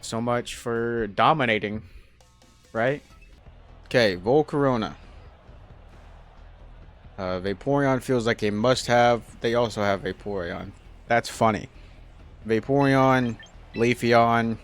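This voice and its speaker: A man's voice: medium pitch, slow pace, long pauses, soft background music. A young man casually commenting on his own gameplay, thinking aloud with a self-deprecating, hesitant manner and frequent restarts. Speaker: gaming YouTuber.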